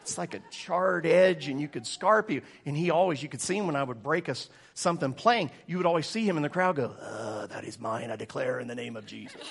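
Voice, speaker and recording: A pastor, telling funny stories and laughing often. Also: male voice, on the high side, brisk, gravelly, few pauses, slightly rough. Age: 40s. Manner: joking, storytelling, laughing often. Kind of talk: sermon.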